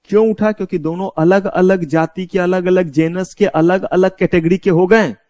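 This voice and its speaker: Indian man lecturing, raised pitch. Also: fairly even intonation, normal speed, darkish tone, no echo. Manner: explanatory, asks the class rhetorical questions; mixes English terms into Hindi. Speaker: law lecturer. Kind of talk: classroom lecture.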